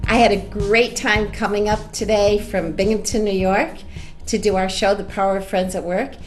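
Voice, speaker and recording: A woman's voice: medium pitch, fairly even intonation, moderate pace, faint music behind. A woman hosting a workplace talk show, opening with an enthusiastic introduction of her guest.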